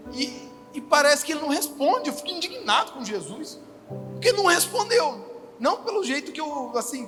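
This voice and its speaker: Man preaching in church, animated sermon, long hall reverb, soft music underneath. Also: extremely high pitch. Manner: animated, acts out quoted people in small voices. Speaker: pastor.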